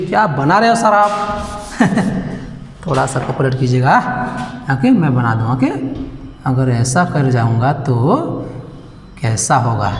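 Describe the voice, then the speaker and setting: A male maths teacher with a fairly high voice, recorded in a room with a long, ringing echo. He speaks straight to his class and keeps asking them questions as he explains, and he moves back and forth between Hindi and English. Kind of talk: classroom lesson to students. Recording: echoey room with long reverb.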